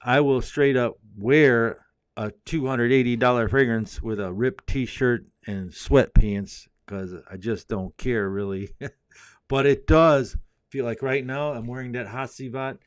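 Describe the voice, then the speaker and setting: A man's voice: medium pitch, steady tone, a little slow, clean tone, no room sound. Laid-back man chatting on a dry close mic. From Indianapolis, US. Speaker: fragrance livestream host. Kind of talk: casual live chat reading viewer comments.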